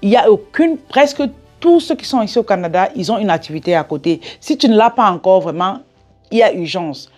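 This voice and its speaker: Over soft background music, a woman with an African French accent talks in a mid-range, somewhat dark voice that is animated and a little fast. She is a business coach hosting an advice vlog, addressing viewers head-on with emphatic instruction, frequent rhetorical questions and check-ins.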